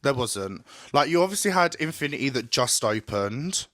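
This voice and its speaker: Camp, animated young man. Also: mid-range voice, no room sound, studio quality. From Southend, Essex. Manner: camp, animated, quick bursts of speech. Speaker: drag podcast host. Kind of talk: casual chat.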